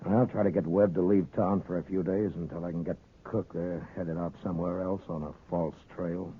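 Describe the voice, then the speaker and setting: An actor playing a steady, world-weary American marshal in a 1950s radio western, measured and laconic as he questions people. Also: deep voice, a little hiss or hum, natural voice. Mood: sober, pensive. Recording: muffled, narrow-band old radio recording.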